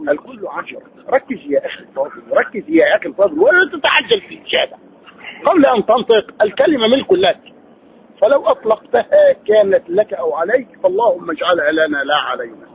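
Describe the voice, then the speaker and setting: A male teacher gives a recitation lesson in a gravelly, high-pitched voice that rises and falls a lot. He poses questions, answers them himself and drills the syllables one by one. The recording is tinny and phone-like, with a faint hiss underneath. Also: big pitch swings, fast. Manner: drills sounds by repeating syllables. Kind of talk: tajweed lesson.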